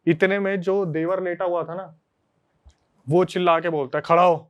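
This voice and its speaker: Man, podcast host, casual storytelling, animated, conversational, resonant voice. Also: high voice, normal speed. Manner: animated, conversational retelling to friends.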